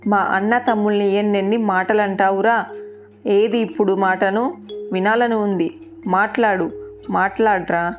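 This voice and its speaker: A woman's voice: medium pitch, fairly even intonation, unhurried, close to an everyday voice. A woman voicing a furious, vengeful male warrior in a storybook tale, taunting and boasting. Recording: tinny phone-like sound with faint music.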